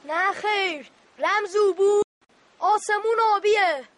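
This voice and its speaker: A woman voicing a bossy young boy who stands guard in a war game, in a radio play, talking in a stern, officious way. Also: extremely high pitch.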